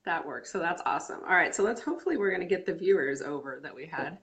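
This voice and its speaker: A woman's voice: on the low side, lively intonation, quick pace, background noise. Chatty middle-aged woman hosting a live stream. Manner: chatty, many fillers and restarts. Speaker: host. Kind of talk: casual live-stream chat.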